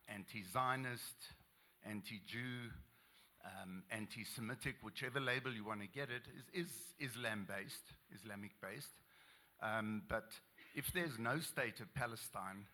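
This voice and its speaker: A man from South Africa asking a question from the audience at a talk, halting and restarting often. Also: fairly low pitch, bright, forceful tone. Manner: halting, many fillers and restarts. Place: lecture hall with audience.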